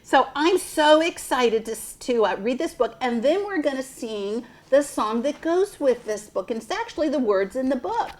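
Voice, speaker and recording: A woman preschool teacher using a storytime voice, reading aloud and talking to young children in simple, deliberate phrases. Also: sits high, lively intonation. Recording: noticeable background noise.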